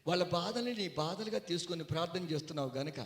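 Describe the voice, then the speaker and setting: A man voicing the Lord as a gentle, patient father figure, speaking calmly and softly. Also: a little high, quick pace, reverberant, natural voice. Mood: tender.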